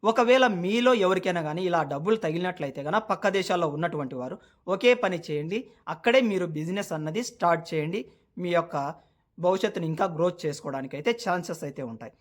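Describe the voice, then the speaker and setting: A chatty male vlogger tells a news story to his viewers. His voice sits high for a man, and he talks quickly. He keeps calling them brother and fills his sentences with filler words. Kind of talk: casual news-story vlog.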